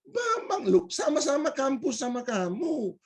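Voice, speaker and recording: A man's voice: extremely high pitch, normal speed, a bit bright, voice pushed up, exaggerated voice. A man voicing a pushy adult male stranger who keeps insisting he is known and then turns angry. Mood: insistent. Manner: insistent, wheedling repetition. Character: pushy adult male stranger, overly familiar, quick to anger.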